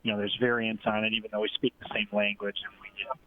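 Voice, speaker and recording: A man calls in to a radio chat over a tinny, phone-thin line, and the connection makes his voice warble and echo as though he were speaking from inside a fishbowl. He talks in a halting way, stopping often to search for words. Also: on the low side, little pitch movement, a little hiss or hum. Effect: warbling, echoey phone line, like talking inside a fishbowl. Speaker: call-in guest.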